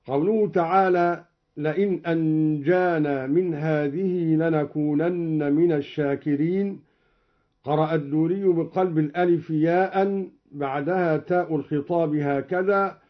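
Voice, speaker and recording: A man teaching a recitation lesson, explaining each reading and then chanting the verse in a measured, melodic way. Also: fairly high pitch, steady tone. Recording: dull lo-fi recording.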